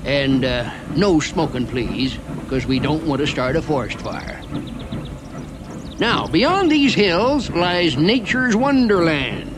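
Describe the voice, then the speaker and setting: A man's voice: on the high side, big pitch swings, slow, background noise. A man playing a folksy, wry Old West mining train guide, drawling in a rural Western American accent as he narrates a theme park ride. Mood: genial, wry. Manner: drawling, folksy dialect with chuckles.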